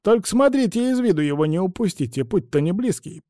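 A man's voice: high voice, expressive, a little fast, warm tone, no room sound, studio quality, voice pushed up. A man doing a cranky old witch. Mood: cagey. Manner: cranky, evasive, sing-song. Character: grumbling cunning old witch woman.

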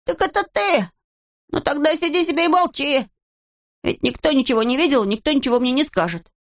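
A woman voicing a boastful, stubborn little gnome boy in an audiobook, in a high, excitable and defensive voice. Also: brisk. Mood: agitated. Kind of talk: audiobook character voice.

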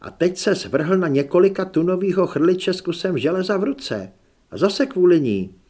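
A male audiobook reader voicing a tough, sharp-tongued young woman who scolds bluntly in a slightly raised voice. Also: sits high, animated, voice pushed up. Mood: scolding.

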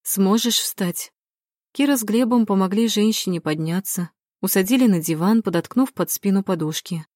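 A woman narrating an audiobook in a calm, measured reading style. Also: mid-range voice, dry recording, clean studio sound. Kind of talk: scripted narration.

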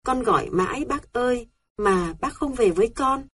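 Woman doing a young girl crying out, pleading, high and breathy, storybook reading. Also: expressive, normal speed, fairly bright tone, exaggerated voice. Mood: tearful pleading. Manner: pleading, tearful. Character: young girl crying out to her late aunt.

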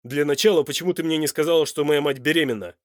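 A man reading an audiobook voices a hot-tempered, protective young man who speaks loud and sharp. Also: mid-range voice, quick pace, dry recording, clean studio sound, natural voice. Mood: angry.

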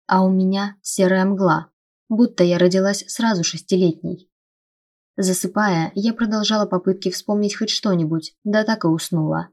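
A woman narrating a first-person fantasy audiobook in a steady storytelling read. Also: mid-range voice, normal speed.

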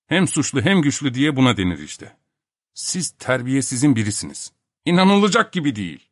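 A man's voice: mid-range voice, big pitch swings, moderate pace, no echo, studio quality, voice pushed up. A man voicing an irritable elderly professor, exasperated and commanding.

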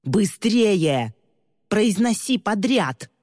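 A scornful woman villain sneers and taunts in a low, dark voice, as a woman narrator puts her on. Her contempt is steady and cold. The voice sits close and dry, trailed by a long reverb, like a storybook audiobook. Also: normal speed. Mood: taunting.

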